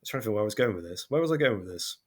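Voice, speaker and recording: A man's voice: fairly low pitch, animated, very fast, slightly rough. Man with a broad Devon accent. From Devon, England. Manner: rambling, self-deprecating, full of fillers and restarts. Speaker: podcast host and game master. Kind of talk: casual podcast chat.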